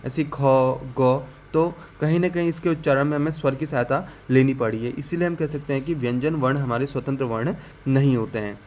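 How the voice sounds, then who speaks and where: A man teaching an exam-prep grammar lesson, asking the class questions, answering them himself, and repeating key definitions slowly. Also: mid-range voice, a little mellow, slight background noise.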